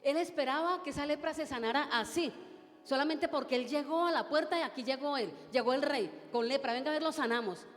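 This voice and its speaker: A woman's voice: high voice, a little fast, big-room sound, faint music behind. A woman preacher, delivering an emphatic sermon full of repetition and rhetorical questions. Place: church.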